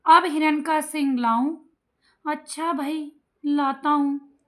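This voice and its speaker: A woman's voice: high voice, steady tone, slow pace, a bit bright. A woman voicing an eager little boy who pleads in singsong rhymes. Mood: pleading. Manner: singsong rhyming pleas.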